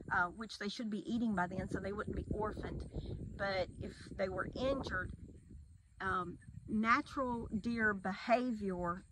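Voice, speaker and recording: A woman's voice: mid-range voice, background noise. A middle-aged woman, a wildlife rehabber patiently explaining step by step in a casual outdoor interview by a metal barn wall.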